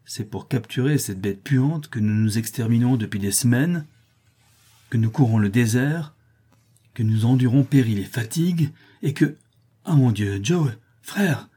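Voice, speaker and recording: A bold, hot-tempered young adventurer speaks with emphatic exclamations, as a male audiobook reader plays him. His voice is dark and slightly husky. The storybook telling keeps it close to a natural speaking voice. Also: mid-range voice, normal speed, natural voice.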